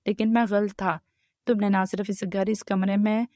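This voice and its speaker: A woman's voice: medium pitch, little pitch movement, mellow, dry recording, studio quality, lightly acted. A woman reading the part of a proud young husband who turns from stern to tender in a storybook romance.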